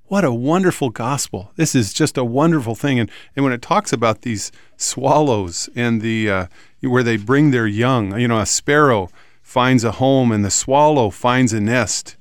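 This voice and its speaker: A man's voice: mid-range voice, normal speed, dry recording. Male host, mid-range voice, enthusiastic scripture teacher, dry studio sound. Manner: warmly enthusiastic, quoting scripture. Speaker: radio show host. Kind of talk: conversational Bible teaching.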